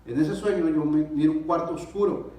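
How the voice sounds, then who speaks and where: A man with a Mexican accent giving a personal testimony in church, telling his story with lively, acted-out dialogue. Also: on the high side, a little fast. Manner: animated storyteller, acts out dialogue. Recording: echoey church hall, distant mic.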